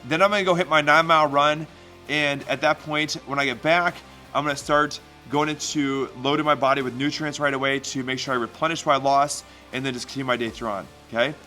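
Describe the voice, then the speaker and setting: A man's voice: mid-range voice, fairly even intonation, brisk, pushed and bright, soft background music. A man talking casually as a fitness vlogger, explaining things in an instructive way and checking in with listeners. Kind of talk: casual explanatory vlog talk.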